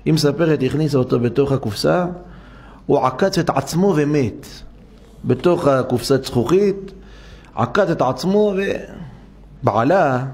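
A man's voice: medium pitch, expressive, long pauses, darkish tone, breathy edge. A man preaching as a rabbi in a synagogue, telling a story and acting out each character's voice with animation. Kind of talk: sermon storytelling.

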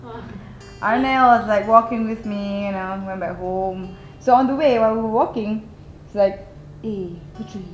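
A woman in her thirties from Malaysia, chatting casually in an interview and telling a story with lively quoted voices. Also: mid-range voice, normal speed, echoey room, faint music behind, rough recording. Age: 30s. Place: indoor lounge on a sofa.

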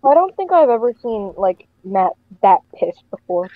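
A woman's voice: mid-range voice, big pitch swings, normal speed, dry recording, narrow, tinny audio. A woman in a casual voice chat, hesitant and stumbling over her words. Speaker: chat participant, voice actor.

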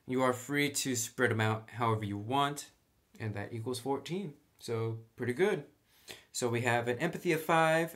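Indoors at a table, a man with a medium-pitched, somewhat bright voice hosts a tabletop game tutorial. He explains things casually, thinking aloud as he writes on a sheet.

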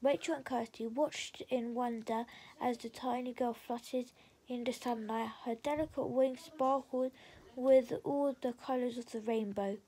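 A woman reading a children's bedtime story aloud in a soft, hushed voice. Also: a little high, fairly even intonation, a little slow, breathy edge.

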